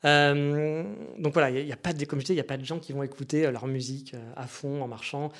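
A man's voice: medium pitch, fairly even intonation, fast talker. A man hosting a casual monologue, chatty and meandering, with frequent asides to his listeners. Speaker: podcast host.

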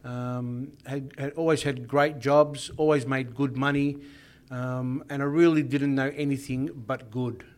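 A middle-aged man, a podcast guest in a studio, telling his life story in a reflective, hesitant way with many pauses. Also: medium pitch, flat delivery.

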